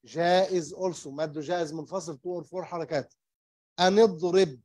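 A man teaching Quran recitation rules, explaining slowly and patiently in English and demonstrating the recitation, repeating each term. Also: a little high, steady tone, darkish tone, no room sound. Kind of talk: slow tajweed lesson, mixing English and Arabic. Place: small mosque classroom.

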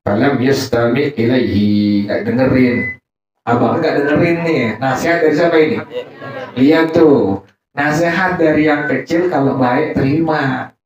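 A man's voice: mid-range voice, a little slow, a little mellow. Guy teaching a religious study group, keeps quizzing the crowd, casual talk w arabic bits, sounds far off in a muffled echoey room. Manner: quizzes the congregation in call-and-response; casual colloquial delivery mixing in Arabic quotations. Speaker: Islamic teacher. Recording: echoey distant dull recording.

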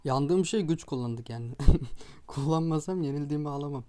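Excitable young-sounding man commenting gameplay, mellow voice. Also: fairly high pitch, fast. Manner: excitable, swearing, bursts into frustrated outbursts. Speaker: mobile gaming YouTuber. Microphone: phone recording gameplay.

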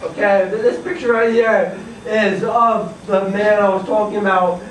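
A teenage boy gives a nervous class presentation, laughing and stumbling over his words in a high-sitting, fairly even, unhurried voice. A camera across the classroom captures it from far off, with echo and faint hiss.

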